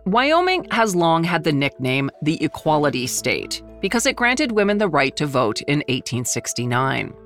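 A woman hosting a history podcast, reading scripted documentary narration in a measured storytelling manner. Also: sits low, big pitch swings, fairly bright tone, soft background music.

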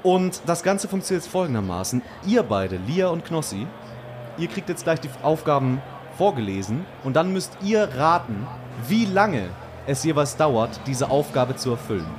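A man runs a live podcast game, announcing tasks and rules with a fairly high, very animated voice. Heavy crowd noise from the surrounding beer tent fills the background. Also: normal speed. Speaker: podcast co-host running the games.

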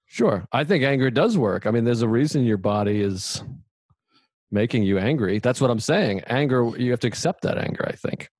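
A man's voice: medium pitch, normal speed, no echo. Laid-back podcast host man, dry mic. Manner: relaxed, laid-back and reflective, swearing casually. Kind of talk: casual podcast chat.

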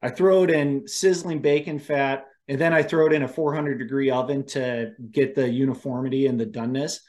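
A man hosting a casual chat, telling animated stories about cooking wild game and laughing often. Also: medium pitch, a little fast. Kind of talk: casual conversation.

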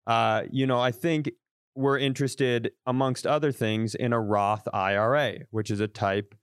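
This podcast co-host, joining over a video call on a podcast mic, tells a self-deprecating story in a loose, rambling way with many restarts. His mid-range voice is clean, fairly even in intonation and a little slow, with no echo and studio-quality sound.

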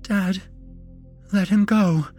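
Man doing a terrified young woman in a shrill falsetto. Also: steady tone, very slow, a little mellow, husky, faint music behind, exaggerated voice. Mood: pleading. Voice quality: high strained falsetto, screaming.

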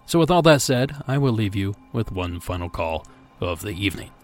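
A man with a fairly low voice hosts a podcast. He speaks in a measured, conversational way from a script, with faint music underneath. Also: very animated. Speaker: podcast host.

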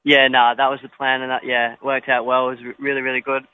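A man's voice: medium pitch, monotone, fast talker, smooth. A young man answering interview questions modestly, with many fillers and restarts. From Australia. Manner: hesitant, filler-heavy, modest. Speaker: cricketer. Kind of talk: post-match interview. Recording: tinny phone line.

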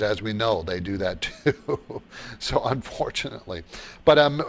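A man's voice: medium pitch, highs cut off. A man hosting a radio call-in show, giving explanatory, unscripted financial advice and posing questions he answers himself.

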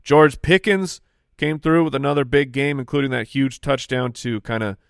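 A man's voice: mid-range voice, moderate pace, creaky, no echo. Man riffing on football stats, dry mic. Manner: lively banter, reeling off stats. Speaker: podcast co-host. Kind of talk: casual sports chat.

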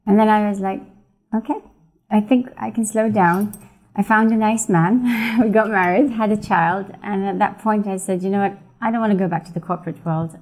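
A woman's voice: medium pitch, brisk, rough recording. Iraqi-born woman telling her story. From Iraq. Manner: animated storytelling, acts out dialogue. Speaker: guest, events founder. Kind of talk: podcast interview.

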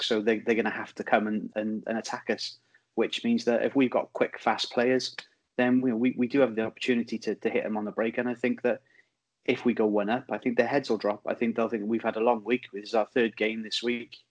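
A man's voice: on the low side, rough recording. A man giving casual football punditry as a podcast guest. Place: video call over Skype.

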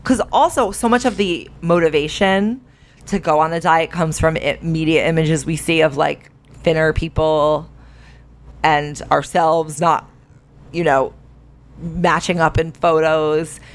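A woman's voice: low voice, a little slow. A woman co-hosting a podcast in a casual, conversational, wry way. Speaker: podcast co-host.

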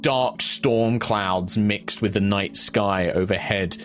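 Male game master, descriptive narration, slow and measured, slightly low pitch, faint background music.

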